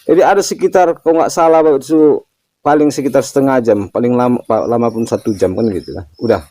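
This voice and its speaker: A man's voice: medium pitch, fast talker, dark tone, no room sound. An older man giving a casual spiritual talk, telling stories and often ending phrases with a tag question. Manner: storytelling, ends phrases with "kan gitu". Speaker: religious teacher answering a question.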